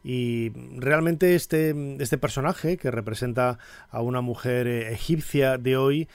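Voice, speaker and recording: A man's voice: mid-range voice, measured pace, clear, resonant tone, no echo. A middle-aged man from Spain with a Castilian accent, presenting informally and discursively, often adding tag questions. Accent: Castilian Spanish. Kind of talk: informal spoken commentary.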